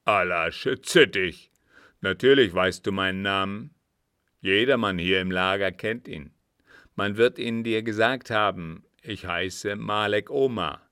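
A man's voice: fairly low pitch, unhurried, sharp tone, clear, resonant tone, dry recording, studio quality. A man voicing a cunning disguised agent who feigns innocence with emphatic protests, in an audiobook reading. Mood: indignant.

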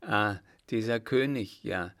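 A man's voice: lowish voice, slow pace, creaky, a bit bright, heavily acted. A man voicing a stern, imperious emperor in an audiobook, snapping out short, clipped questions. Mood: contemptuous, confident. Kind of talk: audiobook character voice.

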